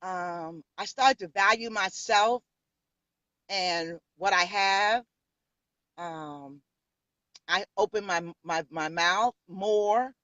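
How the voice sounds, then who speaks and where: A New York woman in her fifties, accent and all, tells her story boldly and with sass as a guest in a casual interview. Her mid-range voice is a bit bright, and she speaks slowly with long pauses. The audio is lo-fi but has no echo.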